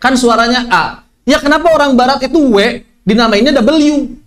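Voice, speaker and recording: A man teaching an online tajwid lesson, lively, asking questions and answering them himself. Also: very high voice, normal speed. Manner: lively, asks and answers his own questions. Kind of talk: online Quran recitation lesson.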